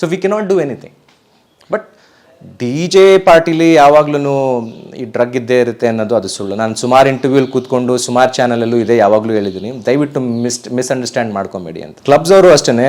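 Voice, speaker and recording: Man, from Karnataka, professional DJ, interview guest, earnest, emphatic, middle pitch. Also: fairly quick, darkish tone. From Karnataka, India. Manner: earnest, emphatic, repeats pleas. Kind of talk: casual interview talk.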